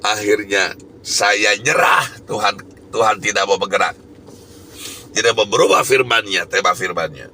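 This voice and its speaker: A male evangelist delivers a sermon as a personal testimony, and his voice has a very bright, sharp, piercing edge. He tells the story emphatically and now and then lifts into loud, raised phrases. A faint background noise sits under the voice. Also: fairly low pitch, moderate pace. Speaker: evangelist preacher.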